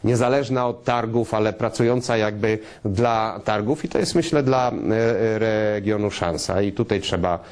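Man giving halting interview answers. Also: lowish voice, darkish tone. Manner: halting, promotional, addresses viewers directly. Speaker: interview guest, trade fair business executive.

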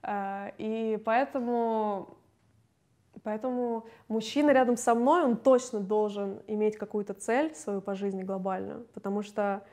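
A young woman, a singer, talking candidly and casually in an interview, chatty and quick to laugh. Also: mid-range voice, fairly even intonation, darkish tone.

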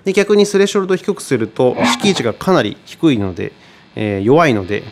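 A man teaching guitar in a relaxed tutorial, chatty and thinking aloud with many fillers. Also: medium pitch, a little fast. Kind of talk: casual tutorial explanation.

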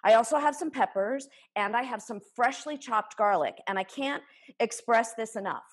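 Chopping away in her home kitchen, a woman in her forties teaches cooking live, enthusiastically explaining each stage. Her somewhat high voice is slightly rough, with lively intonation and an ordinary speaking speed. A camera a few feet away captures the instructor.

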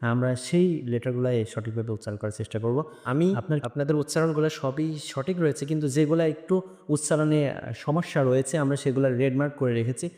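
A man from Bangladesh teaching a lesson, hesitant, with frequent "ah" fillers, repeating sounds slowly. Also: medium pitch, dark tone. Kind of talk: spoken lesson. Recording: long echoing reverb.

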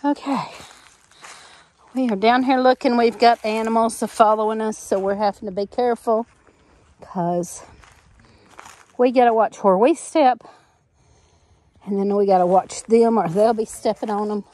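A middle-aged homestead vlogger walks the woods behind her farmhouse, filming on a handheld camera as she narrates in a chatty, folksy way, laughing easily and using lots of fillers. Her voice is on the high side and warm, a little slow, with long pauses.

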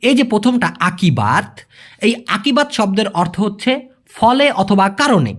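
A man's voice: high-pitched, big pitch swings, unhurried. A man teaching an informal language lesson, answering viewers' questions in a chatty way, repeating key words and checking that the listener understood.

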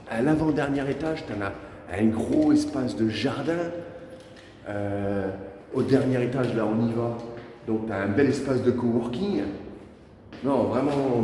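A young male travel vlogger chats on the move, filming himself as he walks through rooms and up to a rooftop. His mid-pitched voice rambles casually with many fillers and self-corrections. A faint background noise runs under the handheld recording. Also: dark tone. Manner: chatty, many fillers and restarts, talks straight to the viewer. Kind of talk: casual vlog tour. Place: walking through an apartment building and rooftop.

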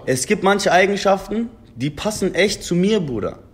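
Here a German rapper in his twenties has an earnest, casual video-call chat on his phone, sitting at a table indoors and saying "Bruder" to the interviewer over and over. He speaks at normal speed in an expressive voice that sits high.

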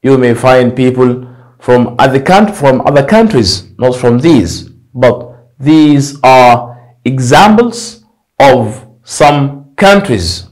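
A young man teaching an English lesson at a whiteboard, repeating drill phrases slowly and emphatically, on a lapel mic. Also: medium pitch, expressive, a little mellow, rough recording. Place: indoor studio in front of a whiteboard.

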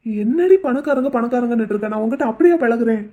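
A woman voicing a devoted rich young man in a cartoon drama, husky and pleading. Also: a little high, animated, quick pace. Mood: insistent. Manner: pleading, tender. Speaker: voice actor. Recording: tinny phone-like audio.

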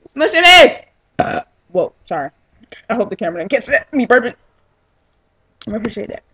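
A woman's voice: medium pitch, expressive, fairly quick, a little mellow, breathy edge. A young woman chatting casually and playfully teasing on a home video, filmed at home on a handheld camera. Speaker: vlogger. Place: her home, indoors.

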